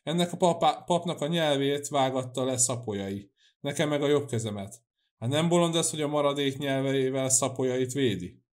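A man voicing an angry, proud old nobleman who shouts and snaps in an audiobook. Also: mid-range voice, voice pushed up, natural voice. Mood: scornful. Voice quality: shouting, bristling. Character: furious old nobleman, one-handed, proud.

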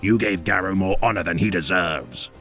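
A man voicing a sly, ambitious male war captain with a husky, gurgling voice for an audiobook. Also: low-pitched, normal speed, bright, forceful tone, soft background music. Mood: insinuating. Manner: sly, insinuating. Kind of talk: audiobook character voice.

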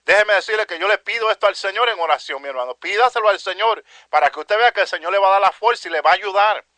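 A man delivers a fervent evangelical sermon in a high, bright voice. He keeps circling back to exclamations of praise and calls his listeners brothers. The recording is dry and close, with no room sound. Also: fast talker, dry recording. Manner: peppers speech with "aleluya" and "santo Dios", addresses "mi hermano"; impassioned, repetitive preaching cadence. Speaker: preacher.

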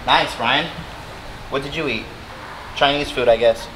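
A man in his thirties hosting a fishing vlog outdoors under a bridge by the water, chatting and joking with bursts of excitement. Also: medium pitch, unhurried, noisy background. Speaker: fishing channel host. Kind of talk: casual outdoor vlog chat. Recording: background music under the talk. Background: music.

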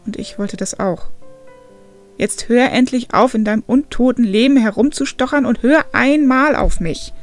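A woman's voice: medium pitch, moderate pace, creaky, few pauses, dark tone, no room sound, faint music behind. A woman voicing an angry young man who scolds his friend in an exasperated way. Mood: exasperated scolding.

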